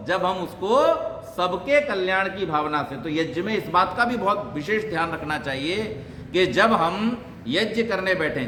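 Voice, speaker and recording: A man's voice: high-pitched, sharp tone, slight background noise. A man, a pandit teaching Sanskrit pronunciation, who asks questions and answers them himself. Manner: explains by asking and answering his own questions, demonstrates sounds. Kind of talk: religious teaching talk. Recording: echoey hall with long reverb.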